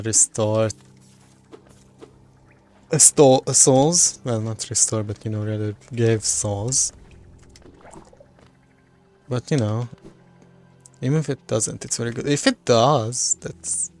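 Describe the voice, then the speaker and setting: Male gamer, slow talker with a fry-edged voice, loose self-correcting chatter into a desk mic. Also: fairly low pitch, steady tone, a little mellow, soft background music. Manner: rambling, self-correcting, stumbles over words. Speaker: gamer playing on a recording. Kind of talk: casual gameplay commentary. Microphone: desktop microphone.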